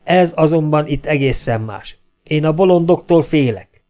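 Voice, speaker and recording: A man reading an audiobook, voicing a gruff, grumbling legion sergeant who blusters and threatens. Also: on the high side, expressive, warm tone, faint music behind, pitched above the performer's own voice, natural voice.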